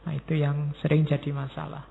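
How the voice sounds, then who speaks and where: Male lecturer, Javanese accent, rather high gravelly voice; lo-fi recording in a big echoing hall. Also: monotone, fairly quick. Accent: Javanese-inflected Indonesian. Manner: talks straight to the audience, acts out quoted messages in different tones. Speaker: university lecturer giving a public lecture. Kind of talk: philosophy study lecture. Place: large mosque hall. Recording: tinny lo-fi sound in a reverberant hall.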